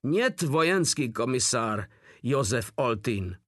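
A man's voice: medium pitch, lively intonation, fairly bright tone, no room sound, clean studio sound. A man voicing a terrified captured male Soviet commissar, with a put-on Russian accent and frantic pleading. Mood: panicked. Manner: panicked pleading, broken words.

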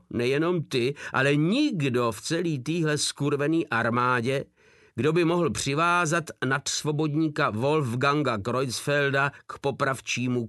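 A man's voice: fairly high pitch, fairly bright tone, no echo, clean studio sound. A man voicing a huge, crude soldier who mocks and threatens coldly, read as an audiobook. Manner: coldly mocking, foul-mouthed.

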